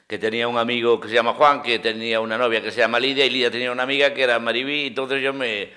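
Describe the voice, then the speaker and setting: Picture an older man from Galicia chatting on the radio, his plain as he tells joking stories. His voice is bright and forceful, and he stumbles over a few restarts before he gets to the punchline. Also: mid-range voice, level tone, racing. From Pontevedra, Galicia, Spain. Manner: joking storyteller, hesitant restarts. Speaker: radio guest, retired teacher. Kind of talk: casual radio interview chat.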